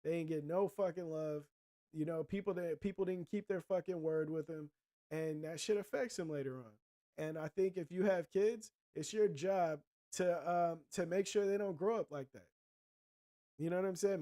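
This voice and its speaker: A man hosting a casual livestream, handing out blunt, profanity-laced advice in a preachy tone. His voice sits a little high for a man, but the timbre is dark and mellow. He talks straight to his viewers like a friend lecturing them. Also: moderate pace. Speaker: livestream host.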